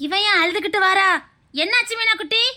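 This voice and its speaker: This is a frightened young village woman with a very high, bright voice and a Tirunelveli accent, as a woman plays her in an audio drama. She pleads and asks questions in a rush of dialect. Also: brisk, heavily acted. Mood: panicked. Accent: Tirunelveli Tamil.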